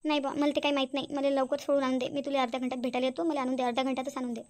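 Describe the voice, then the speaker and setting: Woman voicing remorseful cartoon daughter, high, fast, slightly gravelly. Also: little pitch movement, darkish tone, slight background noise, lightly acted. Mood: insistent. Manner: guilty, self-reproaching monologue. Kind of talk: cartoon voice acting.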